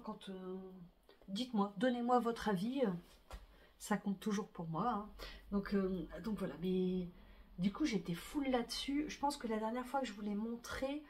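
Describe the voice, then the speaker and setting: A middle-aged woman, chatting casually about her sewing and knitting projects, full of fillers and restarts. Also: medium pitch. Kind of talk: casual chat to camera.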